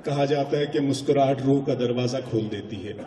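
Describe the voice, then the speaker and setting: A man's voice: medium pitch, warm tone. A man hosting a live poetry gathering, telling a theatrical joke on stage. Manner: storytelling, theatrical. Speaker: mushaira host. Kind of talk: stage compering with jokes. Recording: echoey hall, distant mic.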